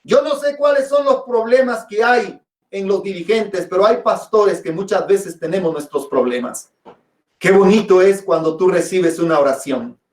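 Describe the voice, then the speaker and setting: Heard from a distance in an echoey space, a Guatemalan pastor with a high, slightly mellow voice speaks at normal speed. His sermon tells a personal testimony dramatically, addressing the congregation as brothers and sisters.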